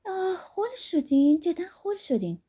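A playful, coy young woman in an audiobook, voiced by a woman narrator, her voice lifted higher with a teasing, breathless lilt. The tone stays mellow and a little husky. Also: lively intonation.

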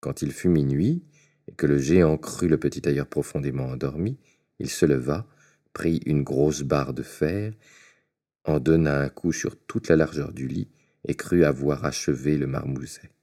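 A man reading a fairy tale aloud in a measured, expressive storytelling manner. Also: rumbling low.

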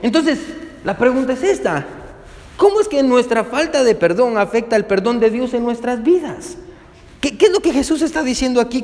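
A pastor delivers a sermon in a fairly high male voice, with a long echo carrying through the hall. He repeatedly asks the congregation rhetorical questions and invites them to turn with him to the verses.

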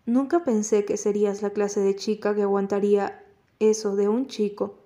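A woman narrating an audiobook voices a troubled young man who is blunt and still in love, speaking quietly and earnestly. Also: medium pitch, little pitch movement, moderate pace, lightly acted. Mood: indignant.

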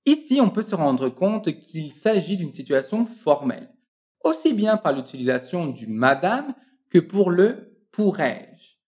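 A woman with a low voice and lively, swooping intonation teaches French. She encouragingly coaxes the listener to repeat each phrase after her, drilling them slowly and precisely.

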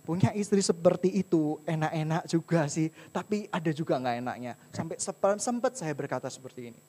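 A man's voice: on the high side, expressive, moderate pace, warm tone, long reverb tail. A married man preaching a humorous sermon, poking fun at himself and constantly calling the audience his brothers and sisters. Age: adult, married. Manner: keeps addressing listeners as "saudaraku"; playful, jokes about himself.

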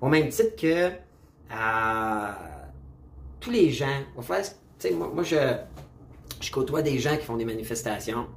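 A man's voice: mid-range voice, lively intonation, unhurried, vocal fry, a little hiss or hum. A man with a Quebec French accent giving a casual opinion monologue to camera, blunt and emphatic, slangy, mixing in English words and repeating his catchphrases. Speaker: political commentator. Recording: roomy echo.

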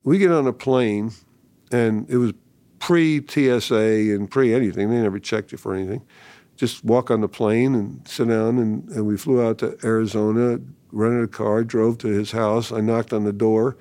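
An older man recounting a personal story as an interviewee, lively and acting out the dialogue as he goes. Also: lowish voice, normal speed, no room sound.

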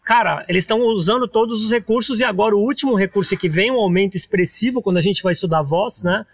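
A man's voice: high-pitched, fast, husky, dry recording, studio quality. A man from Brazil hosting a podcast, chatty in casual conversation, often finishing his guest's sentences. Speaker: podcast host.

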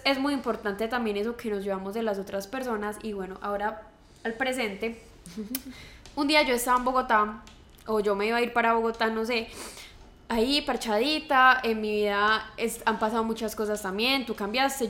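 A woman's voice: fairly high pitch, a bit bright, reverberant. A young woman with a Colombian accent, telling a story in casual chat as a podcast co-host, acting out quotes with animation.

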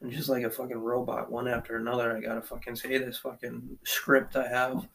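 Pacing around his basement, a man hosting his own podcast rambles chattily and profanely, with plenty of fillers. He talks a little fast in a medium-pitched, somewhat bright voice with vocal fry and little pitch movement, and the extension-wired mic gives an uneven level.

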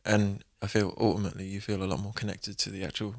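Relaxed low-voiced man. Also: fast, no room sound, studio quality. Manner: relaxed, rambling, hesitant with many ums. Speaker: musician guest. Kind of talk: casual interview talk.

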